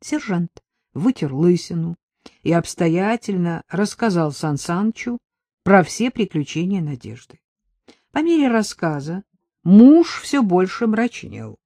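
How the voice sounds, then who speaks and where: Woman narrating an audiobook, dry low voice. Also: very animated, measured pace, warm tone, no room sound. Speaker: audiobook reader. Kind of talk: scripted narration.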